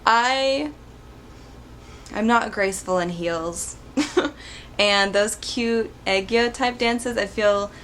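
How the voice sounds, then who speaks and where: Speaking slowly and pausing often, this young Arizona vlogger answers questions in a casual, giggly way. Her mid-range voice has a fairly bright tone, picked up close by a camera mic with slight hiss or hum.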